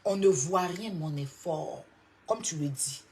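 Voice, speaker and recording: A woman's voice: on the low side, unhurried, dark tone. A woman from Côte d'Ivoire with an Ivorian French accent, scolding and mocking someone in a heated live-stream rant, repeating her points with insistence. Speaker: social media personality.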